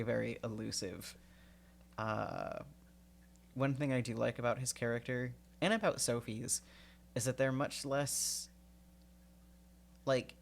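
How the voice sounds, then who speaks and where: A man's voice: medium pitch, gravelly, a little hiss or hum. A man with a stuffy, sniffly nose reading a novel aloud on a live stream, then chatting in a rambling way with lots of fillers. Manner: rambling, filler-heavy chat. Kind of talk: casual read-aloud stream.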